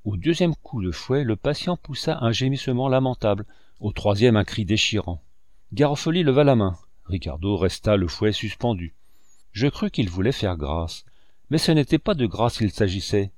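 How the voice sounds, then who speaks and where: A man reading a classic novel aloud in measured, expressive storytelling narration on a close mic. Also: fairly low pitch, no room sound. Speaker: audiobook reader. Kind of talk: scripted narration.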